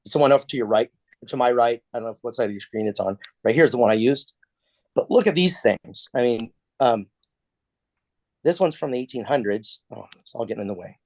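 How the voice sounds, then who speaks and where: A man's voice: medium pitch, fairly quick, darkish tone, no echo. A man leading a casual church class discussion over a video call, talking conversationally with frequent restarts.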